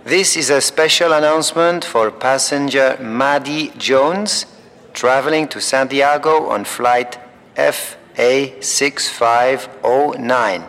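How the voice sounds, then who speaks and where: An actor playing a calm, formal male airport announcer who reads flight numbers slowly and clearly. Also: mid-range voice, in a large hall. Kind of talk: scripted language-course recording.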